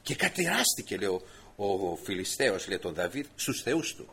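A male preacher giving a sermon who tells a story with lively delivery and talks straight to his congregation. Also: deep voice, slight background noise.

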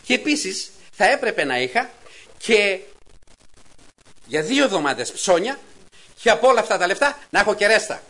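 A middle-aged man giving a testimony sermon to a congregation, telling a story with lively, acted-out dialogue and sudden raised exclamations. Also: high-pitched, pauses often, poor audio. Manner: animated storytelling, acts out quotes in a raised voice.

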